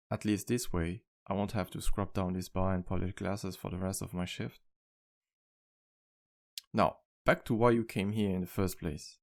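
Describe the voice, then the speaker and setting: In an intimate, one-sided ASMR roleplay, a man plays a charming vampire bartender who flirts courteously and teasingly, taking unhurried pauses. His natural voice is on the low side, and the mood is polite and inviting. He comes across as smooth-talking and playful.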